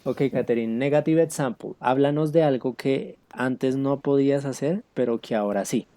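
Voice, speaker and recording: A man's voice: medium pitch, moderate pace, mellow, no echo. A man teaching an English class online, explaining patiently with many fillers.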